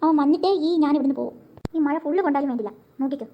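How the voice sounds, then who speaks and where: A woman's voice: sits high, rapid-fire, dull audio, slight background noise. A woman voicing a bossy, stubborn young cartoon girl who scolds and makes demands.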